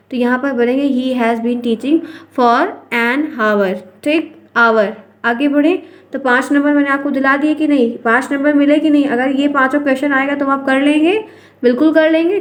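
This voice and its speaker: A woman teacher with an Indian accent, explaining exam questions step by step and calling her viewers friends. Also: a little high. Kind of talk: exam-prep lesson.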